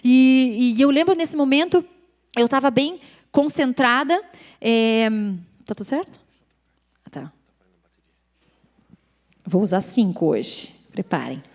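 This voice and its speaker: Brazilian woman, church testimony speaker, lively and conversational, slightly high voice. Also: measured pace, long pauses, long reverb tail. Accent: Brazilian Portuguese. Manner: chatty and animated, often turns to the audience. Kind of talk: personal faith testimony to a live audience. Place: church event stage.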